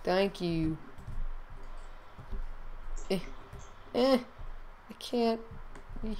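A woman's voice: mid-range voice, extremely slow, a little mellow, a little hiss or hum, poor audio. A woman hosting a casual gameplay video, chatting playfully with a co-player and repeating silly catchphrases. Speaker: gaming channel host.

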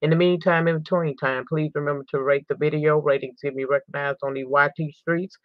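A woman with a low-pitched, steady tone reads a crime article a little fast for her news channel, with no echo. She adds emphatic, indignant remarks, repeating words for stress, and sometimes stumbles and restarts. The recording is dry, dull, and lo-fi.

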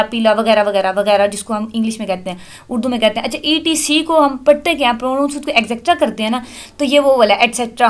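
A woman teaching English in a recorded lecture. She reads English text slowly, explains it patiently, and mixes English into her speech. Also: on the high side. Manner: addresses students as children, switches often into English.

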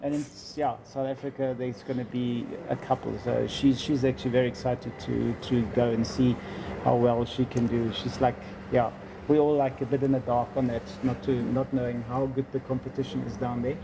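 Gravelly Namibian man with background noise. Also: mid-range voice, little pitch movement, moderate pace. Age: middle-aged. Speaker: interview guest, motorsport organiser. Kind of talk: casual explanatory chat. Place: small indoor lounge set, seated on a couch. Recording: clearly noisy room sound.

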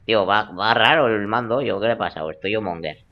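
A man's voice: lowish voice, a little fast, dull audio. A young man giving joking, crude gameplay commentary in a teasing, playful way. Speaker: let's play gamer.

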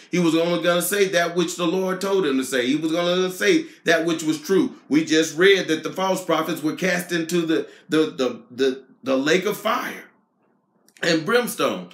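A man's voice: on the high side, a bit bright. A man teaching a Sunday school Bible lesson in an earnest, explanatory way. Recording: echoey room.

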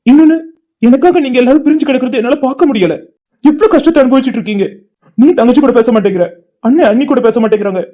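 A woman's voice: sits high, fast, warm tone, faint music behind. A woman doing a despairing young cartoon man. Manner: anguished, pleading speech. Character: heartbroken young man, despairing and guilt-ridden.

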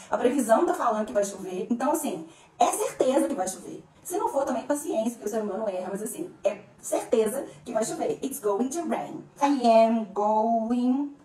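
A woman teaching English grammar to Portuguese speakers, lively, slowing down to spell out each English example. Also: fairly high pitch, recorded from a distance. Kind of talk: explaining grammar to camera. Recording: echoey room, a bit off-mic.

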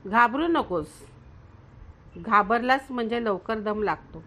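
A woman's voice: on the high side, lively intonation, takes it slowly, a bit bright, full character voice. A woman voicing an encouraging young man who teaches a boy to swim in a storybook reading, coaxing and instructive.

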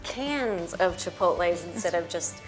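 A lively woman in her thirties chats her way through a cooking demo, her pitch leaping up and down. She laughs easily and keeps things bubbly. Light music plays under her voice in a studio kitchen. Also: measured pace. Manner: bubbly, chatty, laughs often. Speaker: cooking show host. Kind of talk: casual cooking demo chat. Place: home-style studio kitchen.

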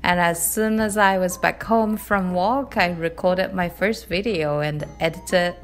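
A young woman from Japan with a Japanese accent, narrating her knitting vlog in a calm, gentle, chatty way; English is not her first language. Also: on the low side, measured pace, soft background music. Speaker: knitting vlogger. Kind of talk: voice-over narration.

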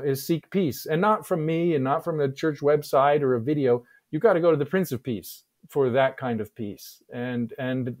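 Middle-aged guy on a video call headset, kinda high voice, careful, restarts a lot. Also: a little mellow. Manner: measured, thoughtful, with frequent restarts. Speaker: guest historian. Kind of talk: conversational interview answers.

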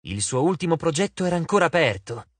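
A man narrating an audiobook with a lively, theatrical delivery. His voice is fairly high and rises and falls a lot. The sound is close and dry. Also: quick pace, breathy edge, dry recording. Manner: expressive, theatrical reading. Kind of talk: scripted narration.

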